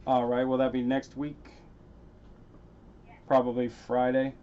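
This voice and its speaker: Speaking at a measured pace in a medium-pitched voice, a man runs a casual coin-hunting livestream, naming his chat viewers directly and erupting loudly over his finds. The audio has its highs cut off.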